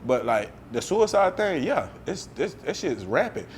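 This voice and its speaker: A lively man argues in casual heated debate, his pitch swinging up and down. He repeats words whenever he is cut off. A faint low rumble sits behind the voice. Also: normal speed. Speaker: podcast guest, military veteran.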